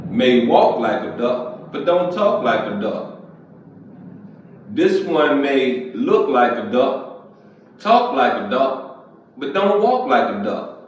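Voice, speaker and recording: Male pastor, casual sermon, slow drawl, heavy room echo. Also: mid-range voice, slight background noise. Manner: conversational, repeats "you feel me"; clears throat often. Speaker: pastor and podcast host. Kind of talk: casual preaching monologue. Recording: echoey, distant, dull lo-fi sound.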